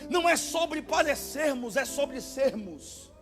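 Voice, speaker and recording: A man with a Brazilian Portuguese accent preaching a sermon as pastor, impassioned and bursting into shouted exclamations. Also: very high voice, animated, takes it slowly. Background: faint music.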